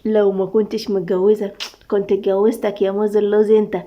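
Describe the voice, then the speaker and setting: A woman's voice: mid-range voice, flat delivery, fast talker, dark tone, pitched below the performer's own voice, natural voice. Woman doing a dramatic Egyptian young wife. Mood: teasing. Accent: Egyptian Arabic. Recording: dull lo-fi recording.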